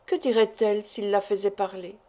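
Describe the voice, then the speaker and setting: A woman, an audiobook reader, narrating a classic novel in a measured, deliberate way. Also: mid-range voice, flat delivery, warm tone. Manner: measured, deliberate literary reading.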